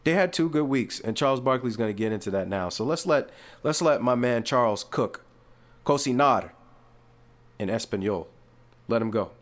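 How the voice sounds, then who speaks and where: A man hosting casual sports commentary, rambling and animated with frequent asides and restarts. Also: mid-range voice, normal speed. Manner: uses fillers and restarts, talks casually.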